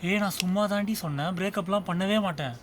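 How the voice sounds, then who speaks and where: A man's voice: sits high, quick pace, background noise, natural voice. An actor playing a possessive, jealous young college man in a short film drama, pleading and calling after his girlfriend. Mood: sneering. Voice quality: pleading, then shouting after her. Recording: film soundtrack with loud music.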